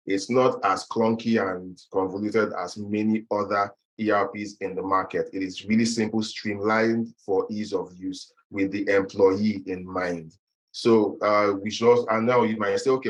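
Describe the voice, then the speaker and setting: A man's voice: on the low side, poor audio. A man giving an online business presentation in a webinar, hesitant and full of fillers and restarts, over a video call microphone.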